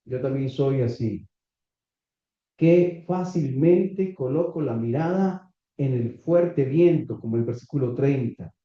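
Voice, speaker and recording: A man preaching a sermon to a congregation, reading scripture slowly and asking the listeners questions. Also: mid-range voice. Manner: slow, deliberate preaching with rhetorical questions to the congregation. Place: small church meeting room. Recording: echoey, slightly dull church recording.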